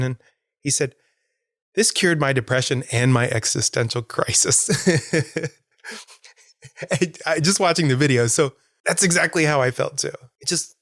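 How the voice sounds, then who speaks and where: A man's voice: mid-range voice, creaky, fairly bright tone, no room sound, clean studio sound. A man hosting a podcast, rambling with enthusiasm about a concert and laughing often. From Florida. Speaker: podcast host. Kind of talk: casual solo podcast monologue.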